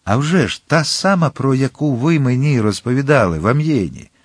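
Guy doing a jumpy young musketeer, urgent and pleading, voice pushed up high, dry sound. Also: lively intonation, normal speed, husky, no room sound. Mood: alarmed. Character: young male musketeer, earnest and anxious.

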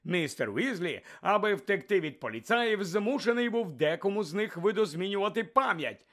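Brief: male audiobook narrator, animated storytelling, fairly high voice. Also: moderate pace. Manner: lively storytelling, voices each character. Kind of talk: scripted narration.

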